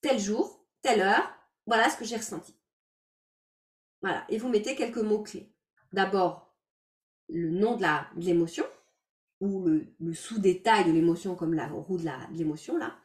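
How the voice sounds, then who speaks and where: A woman's voice: medium pitch, normal speed. A woman coaching from a roomy distance. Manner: explanatory, gentle, with frequent filler words. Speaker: life coach and yoga teacher. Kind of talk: teaching an online workshop. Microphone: video call. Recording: roomy sound from away from the mic.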